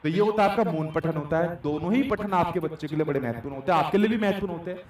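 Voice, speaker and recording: Young guy teacher, highish voice, keeps repeating stuff n asking the class questions. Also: very fast, slight background noise. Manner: explains with repetition and rhetorical questions. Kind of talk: exam-prep lecture. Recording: echoey room, distant mic.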